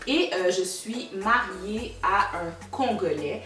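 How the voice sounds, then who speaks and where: A woman's voice: medium pitch, takes it slowly, soft background music. Québécois woman in her 30s chatting to camera, roomy echo, mic kinda far off. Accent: Québécois French. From Canada. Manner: warm, chatty, repeats words for emphasis. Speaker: vlogger. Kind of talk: casual chat to camera.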